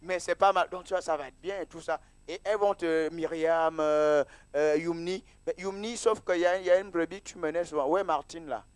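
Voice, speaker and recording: A man's voice: on the high side, fairly even intonation, brisk, hardly any pauses, clean tone, dry recording. A man preaching as pastor at a church service, casual and teasing, mixing sermon with banter with the congregation.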